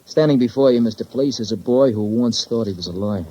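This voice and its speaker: Fast and warm, in a medium pitch close to an everyday voice, an actor plays a sardonic young man suspected of murder, a failed lawyer and tough talker. The American accent and clipped, slangy, sarcastic wisecracks fit the 1950s radio crime drama style, and the mood is bitter. The audio is muffled vintage 1950s radio.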